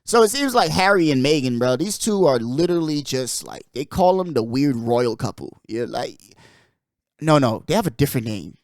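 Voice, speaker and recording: A man's voice: medium pitch, very animated, moderate pace, no room sound, studio quality. A young man from the Bahamas hosting his podcast, talking in a rambling, emphatic way and peppering his talk with "bro" and "like". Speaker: podcast host. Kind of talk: casual chat.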